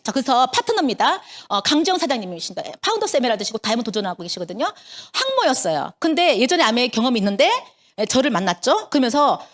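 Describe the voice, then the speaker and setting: Woman, 50s, Busan-area Korean accent, high and animated motivational speaker with a quick tempo. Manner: animated storyteller acting out dialogue. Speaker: network marketing business leader. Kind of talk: motivational talk to an audience.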